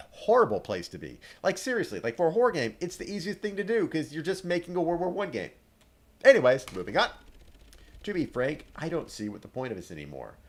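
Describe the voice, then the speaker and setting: A man hosting a let's play, giving rambling, chatty gameplay commentary with lots of filler words. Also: medium pitch.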